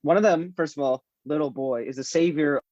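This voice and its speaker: A man's voice: a little high, a little fast, no room sound. Chatty man on a dull, dry recording. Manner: animated, rambling, laughs often. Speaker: podcast guest. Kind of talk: casual chat.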